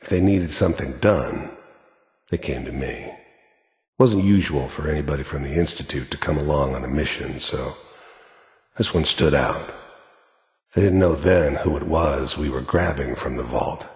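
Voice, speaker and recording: Cold and matter-of-fact, a male actor with a gruff bass and an American accent speaks at a normal pace as a hardened, cynical middle-aged mercenary in a game. Terse and sardonic, the character comes off menacing and world-weary across monologue and dialogue, with echoing hall-like reverb.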